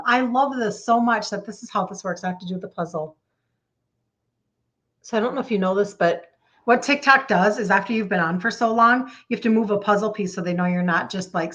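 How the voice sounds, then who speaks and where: A health coach in her fifties from Minnesota, United States, with a medium-pitched voice and a Minnesota accent, hosts a casual live stream. She chats excitably with viewers by name, gushing and repeating phrases for emphasis.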